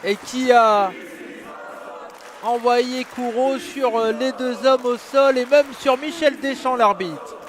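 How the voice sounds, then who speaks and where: A man works as a wrestling commentator, calling the action live in a very high-pitched voice. He is excitable and exclaims often, yet his pace stays fairly unhurried. A crowd can be heard behind him. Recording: noisy live event with crowd. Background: crowd at a wrestling show.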